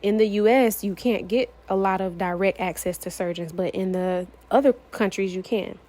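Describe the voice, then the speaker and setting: A young woman from Florida in the United States shares her personal testimony earnestly and emphatically, repeating phrases to drive them home. Her voice is medium-pitched and mellow, at a normal speed.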